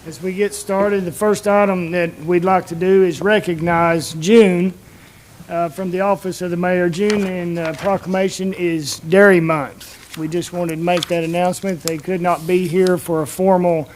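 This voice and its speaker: A man's voice: sits high, steady tone, normal speed, low-quality recording. A man chairing a public meeting in a courteous, formal, procedural way. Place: indoor commission meeting room. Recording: faint background noise.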